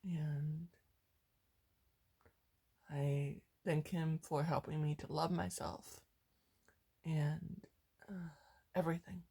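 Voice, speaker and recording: Woman vlogging to her camera, slow easy talk, giggly then sincere. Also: low voice, flat delivery, husky. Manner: hyper and giggly, then soft and heartfelt. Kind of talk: casual fan vlog toast.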